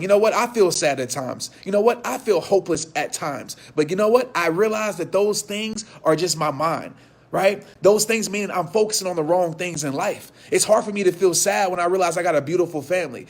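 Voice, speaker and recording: Hoarse after losing his voice, a man in his thirties passionately addresses viewers as a motivational speaker, his high-sitting voice falling into a repetitive preaching rhythm.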